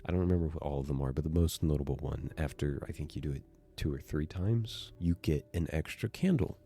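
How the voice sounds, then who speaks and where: Low, mellow-voiced man raving about games. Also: a little fast, husky. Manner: excitable, swears freely. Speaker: video essay narrator. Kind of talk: casual enthusiastic commentary.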